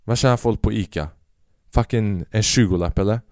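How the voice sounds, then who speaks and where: A podcast host, a man, delivers a casual comedic monologue of rambling stories laced with swearing, acting out the people he quotes. His voice is on the low side and a little mellow, captured as clean studio sound with no echo.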